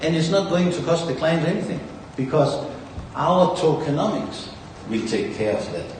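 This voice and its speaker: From Denmark, this founder addresses a large conference hall in a high-ish, expressive, slightly mellow voice at a moderate pace, rambling and bragging with a Danish accent. Heard through a distant mic, the echoey room carries faint ambience and slight background noise.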